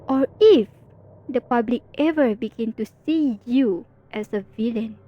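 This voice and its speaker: A woman with a high voice, heard on a muffled recording, performs an ASMR roleplay. She plays a teasing female villain addressing her rival hero in a playful, confiding way.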